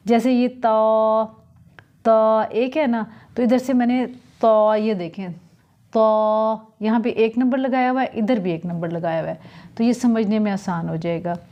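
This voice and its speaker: A woman's voice: fairly high pitch, mellow, lo-fi sound. A woman teaching Quran letter pronunciation, sounding out each letter carefully and explaining patiently. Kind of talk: slow letter-by-letter recitation lesson.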